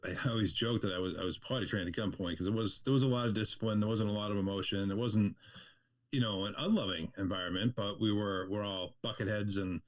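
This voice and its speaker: A man's voice: fairly low pitch, quick pace. A man with a strong Boston accent telling personal stories in a casual interview as a firefighter guest, plain-spoken and salty. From Massachusetts, United States.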